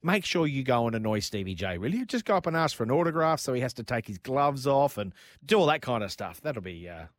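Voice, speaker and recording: A man's voice: mid-range voice, very animated, fast talker, no room sound. Jokey male radio co-host, dry sound. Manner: jokey, reads listener texts with a laugh. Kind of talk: casual radio banter.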